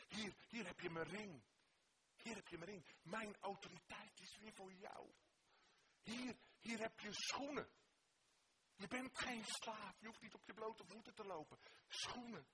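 A preacher voicing God as a loving father welcoming someone home, partly whispered and rising to joyful calls, over clear background noise. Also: fairly high pitch, voice pushed up, close to an everyday voice.

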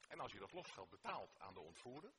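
Male preacher, expressive sermon voice, lively pitch, noisy church recording. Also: quick pace. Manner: expressive, swings from hushed to emphatic. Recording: noticeable background noise.

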